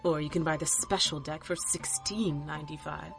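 An actress playing an imperious, curt mystic seer in an audio drama, with a haughty, theatrical and deadpan delivery. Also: female voice, low voice, normal speed, gravelly, soft background music. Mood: dry, haughty.

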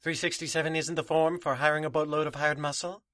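A man's voice: a little high, steady tone, quick pace, fairly bright tone, dry recording, clean studio sound, natural voice. A man doing a grandiose snake-haired supervillain. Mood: sarcastic. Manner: grandiose then sarcastic. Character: menacing snake-haired masked male supervillain. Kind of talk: comedic audio drama.

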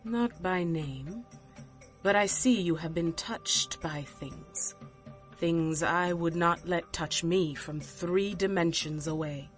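A woman plays a haughty fortune-telling seer for an audio drama, lowish and unhurried. She is theatrical, curt and deadpan, with faint music behind her. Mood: stern, dismissive.

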